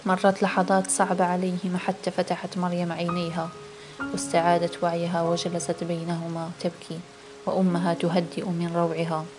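A woman narrating a novel as an audiobook in a steady, measured reading. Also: lowish voice. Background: background music.

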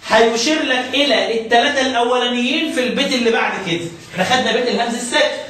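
A man with an Egyptian Arabic accent gives a tajweed lesson, teaching Quran recitation rules step by step, questioning his student and drawing out verses slowly. His voice is very high-pitched, pushed and bright. The mic is far off in a very echoey room.

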